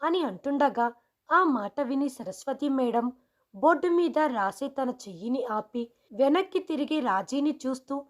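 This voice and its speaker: A woman reading a scripted first-person story in a steady, measured way. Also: sits high.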